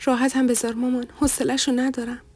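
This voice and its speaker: A woman's voice: high-pitched, little pitch movement, darkish tone, soft background music. A woman voicing a cold, weary young woman who answers curtly and bursts out in anger. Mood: irritable. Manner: curt, rising to angry outbursts.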